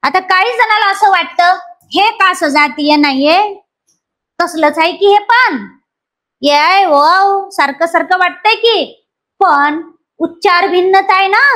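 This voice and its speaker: A woman from Maharashtra with a teaches a grammar class for exam aspirants. Her voice sits very high. She keeps quizzing the students and repeats each rule until it sticks. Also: measured pace. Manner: lively, questions students and repeats key points.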